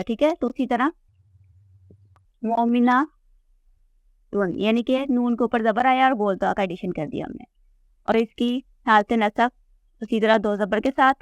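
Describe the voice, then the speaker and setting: In a classroom lesson built around a chart, a woman with a fairly high-pitched voice teaches Arabic grammar, patiently repeating word forms and checking in with her students. The recording is dry.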